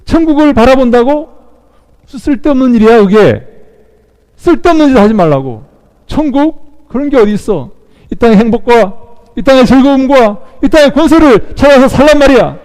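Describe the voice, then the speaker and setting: A man's voice: a little high, very animated, moderate pace, mellow, big-room sound. A male pastor voicing a scornful devil who taunts with sneering questions.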